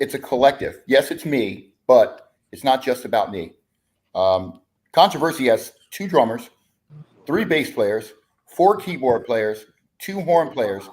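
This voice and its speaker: A man of middle pitch chats easily as a podcast guest, telling stories about music. He rambles, restarts his sentences and leans on fillers. His voice sits right in the everyday middle range for a man. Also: darkish tone. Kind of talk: casual podcast chat.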